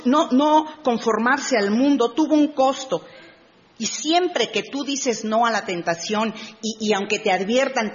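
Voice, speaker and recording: A woman giving a lively Bible lesson to a women's group. She tells stories with animation, reads scripture aloud and keeps asking her listeners questions. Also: a little high. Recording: dull sound in a reverberant hall.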